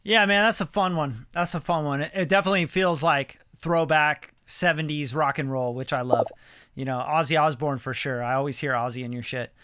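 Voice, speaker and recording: A man in his late thirties giving a casual live song critique as a music producer, animated and profane, full of "like" and "you know.". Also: on the high side, a little fast, clean tone, dry recording, studio quality. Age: late 30s. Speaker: music producer reviewing listener songs.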